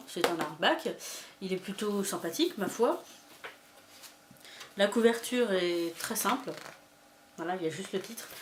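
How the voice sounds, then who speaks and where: Young woman rambling through her book haul, lots of ums, echoey room with a bit of background hiss. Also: mid-range voice. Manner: chatty, hesitant with frequent fillers. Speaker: booktuber. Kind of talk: casual book haul vlog. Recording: echoey room with faint ambience.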